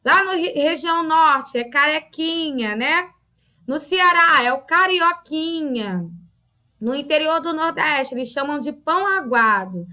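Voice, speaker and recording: A woman's voice: sits high, lively intonation, unhurried, pushed and bright. A woman teacher from Rio de Janeiro, with a Rio accent, patiently explaining a lesson to children in a recorded online class and often checking in with short tag questions. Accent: Rio de Janeiro Portuguese. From Rio de Janeiro, Brazil.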